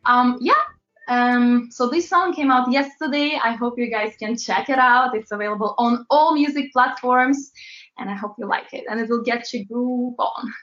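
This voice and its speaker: A woman's voice: fairly high pitch, normal speed, fairly bright tone, soft background music. Young woman, Latvian accent, gushing, rambling with fillers, muffled sound. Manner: chatty, gushing, trails off with fillers. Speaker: singer-songwriter guest. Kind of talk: casual interview chat.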